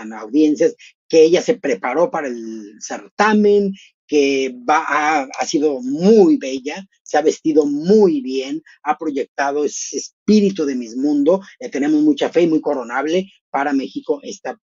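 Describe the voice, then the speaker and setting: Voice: medium pitch, breathy edge, no room sound, dull audio. A middle-aged host, giving chatty live commentary on a beauty pageant and talking straight to viewers. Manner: expressive, chatty, addresses viewers directly.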